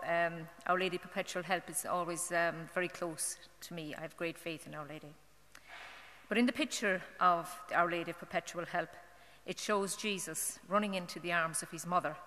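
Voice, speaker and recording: A middle-aged Irish woman giving a personal testimony as a mother at a parish novena, earnest and halting, with fillers and restarts. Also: fairly low pitch, sharp tone. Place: church. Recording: long church hall reverb.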